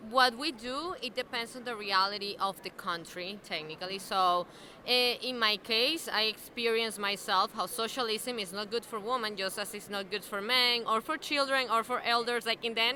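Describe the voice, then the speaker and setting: A woman with a Venezuelan Spanish accent and a bright, slightly high voice, explaining herself earnestly and dropping in soft "eh" fillers. A faint hum of a busy convention hall sits behind her. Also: moderate pace. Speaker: interviewee, alliance member. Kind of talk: casual interview chat.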